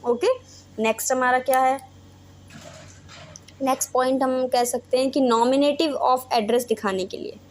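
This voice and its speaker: Indian lady teacher going over grammar points, fairly high voice, keeps asking "right?". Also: steady tone, measured pace, long pauses, a little hiss or hum. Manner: explains step by step, with frequent "है ना" checks. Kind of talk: Hindi-English grammar lesson.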